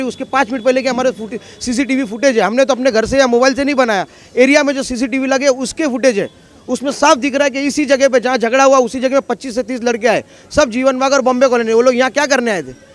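A man's voice: very high voice, steady tone, quick pace. A local man in a street interview, talking insistently and with grievance. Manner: aggrieved, insistent. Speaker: local resident.

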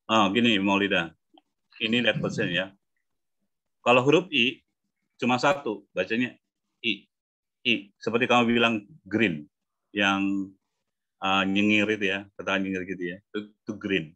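A man coaching English pronunciation in an online class, explaining patiently and sounding out example words slowly. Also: fairly low pitch, fairly even intonation, pushed and bright. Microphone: video call. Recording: muffled video-call audio.

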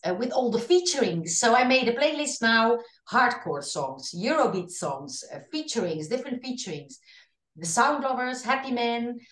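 Her voice is slightly high and the recording roomy. She is a Dutch-accented singer in her fifties, being interviewed casually over video call from a room at home through an earphone headset, talking animatedly with hand gestures and many restarted sentences.

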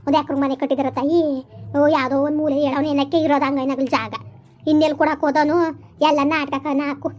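High, fast woman bickering. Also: flat delivery, darkish tone. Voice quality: scolding, taunting village banter. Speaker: village comedy skit performer. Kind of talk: rural comedy skit, bickering dialogue.

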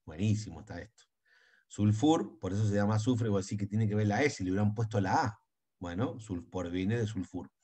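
A low-voiced Argentine man teaching chemistry over a video call. He talks in a chatty, enthusiastic way and keeps dropping into quiet asides to himself. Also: fairly quick, breathy edge. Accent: Argentine Spanish. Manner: chatty, enthusiastic, asides under his breath. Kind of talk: online chemistry class.

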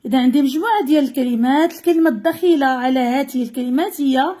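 High-voiced Moroccan woman teacher. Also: mellow. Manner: clear, repeating answers slowly for pupils. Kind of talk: Arabic lesson and story reading.

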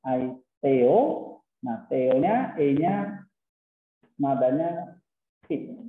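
Slow-talking teacher on a tinny, echoey line. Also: male voice, mid-range voice, slight background noise. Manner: explains slowly, mixing in English terms. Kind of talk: casual classroom lecture. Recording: tinny phone-like, roomy echo.

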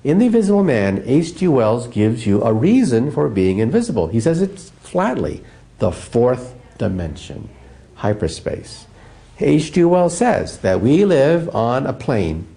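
A man from the United States, a physicist guest in an interview, explaining science as an animated, emphatic storyteller. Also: medium pitch, measured pace, creaky.

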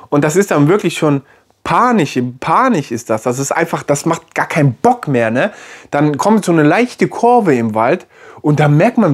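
Halting man talking to viewers. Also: medium pitch. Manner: halting, repeats words, talks to viewers directly. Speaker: vlogger. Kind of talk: personal video diary.

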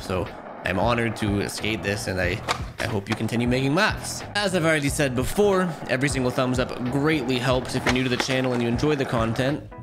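A man giving casual, jokey commentary while playing a skateboarding game, talking to himself and reacting out loud. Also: medium pitch. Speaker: gaming YouTuber.

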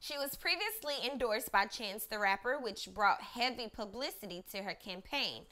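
A woman's voice: on the high side, animated, normal speed, sharp tone. A woman hosting a casual entertainment news roundup, chatty and upbeat, talking straight to her viewers. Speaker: host.

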